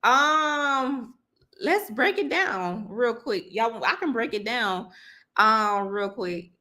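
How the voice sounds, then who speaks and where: A woman teaching on a live stream with a bright, forward voice that sits a little high. She talks loosely and directly to her viewers, full of fillers and restarts, laughing easily as she walks them through her work. Relaxed, conversational delivery. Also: takes it slowly. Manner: laughs easily while talking. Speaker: online instructor hosting a live workshop.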